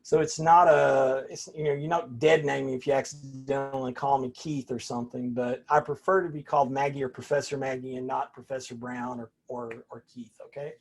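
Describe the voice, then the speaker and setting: A man's voice: mid-range voice, level tone, brisk, creaky, few pauses, faint music behind. An older man, a college philosophy instructor talking casually to his class over a video call, folksy and rambling, often restarting his sentences.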